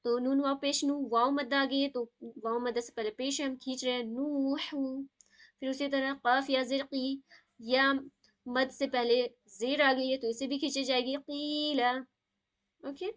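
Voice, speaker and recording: A woman teaching tajweed to a live online class, her voice sitting high. She talks over a video call and keeps checking in with her students. She sprinkles English words into her explanations. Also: flat delivery, a bit bright. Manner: checks in often with "okay?", mixes English words.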